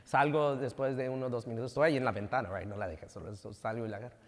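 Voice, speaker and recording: A man's voice: medium pitch, fairly even intonation, very fast. A man in his thirties, a pastor preaching a sermon, telling family stories and mixing Spanish with English. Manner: code-switching between Spanish and English, storytelling. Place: church sanctuary. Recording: long church hall reverb.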